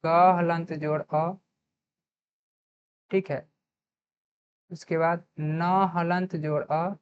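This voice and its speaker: A woman with a Bihari Hindi accent gives an online grammar lesson in a smooth, lowish voice. She spells words out letter by letter and answers her own questions. The recording has a dull, lo-fi quality.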